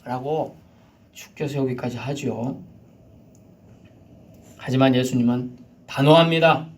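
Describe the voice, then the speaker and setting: A man preaching a sermon, swinging from loud shouted commands down to near-whispers. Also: medium pitch, takes it slowly, slight background noise. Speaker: pastor.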